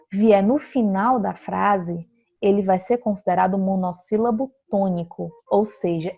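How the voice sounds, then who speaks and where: A woman teaches a grammar lesson with a gravelly, slightly husky voice. She explains step by step and keeps checking that her students follow. Her pitch sits in a middle range. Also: a little mellow. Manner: explains patiently, often checking with "tá?".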